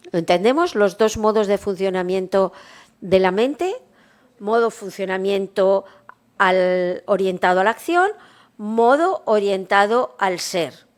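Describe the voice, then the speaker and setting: Brief: middle-aged woman from Spain, nurse teaching mindfulness, calm and unhurried, medium pitch. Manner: calm, unhurried, rhetorical questions to the class. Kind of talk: workshop lecture.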